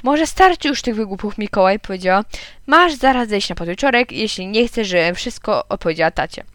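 A woman's voice: medium pitch, lively intonation, a little fast, dry recording, studio quality, lightly acted. A woman reading a storybook and voicing a harried mother who scolds in an exasperated way. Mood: scolding.

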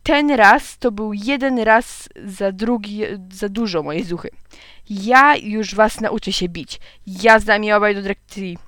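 A woman's voice: medium pitch, a little slow, a bit bright, no echo, lightly acted. A woman reading aloud and voicing a strict, firm male school supervisor who scolds the boys. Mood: scolding. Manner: stern, scolding.

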